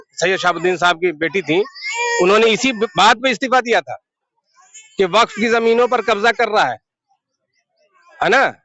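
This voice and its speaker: A man's voice: high-pitched, a bit bright. A man from Bihar answering indignantly in a street interview, firing back questions. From Bihar, India. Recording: dull lo-fi sound.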